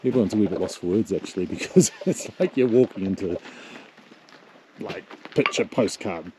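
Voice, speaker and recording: A lower-pitched man with a lilt talks through a travel vlog, hushed and full of wonder as he walks through mountain temples. The recording carries a steady wash of outdoor noise behind him. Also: moderate pace. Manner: wondering, softly reverent in temples. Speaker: motorcycle tour leader. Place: outdoors and inside mountain monasteries.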